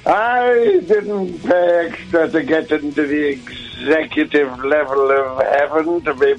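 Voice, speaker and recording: A man's voice: fairly high pitch, slow, muffled recording, soft background music. A man playing a haughty old ghost. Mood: scornful. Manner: haughty, scornful, grumbling. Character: pompous irritable ghost of an old rich man. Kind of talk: comedy radio sketch.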